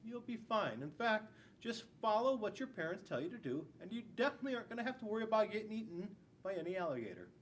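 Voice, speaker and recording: A man in his forties reads a storybook to young children in a school classroom, adding playful, chatty asides; he is a school resource officer. His high, sing-song voice moves fast with hardly any pauses. Captured by a camera a few feet away, the audio is distant with faint room noise.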